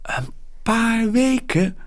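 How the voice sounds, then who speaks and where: A man reading a children's story aloud, voicing an eager, shy young boy who loves books, in a high, excited voice. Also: drawn-out words, exaggerated voice.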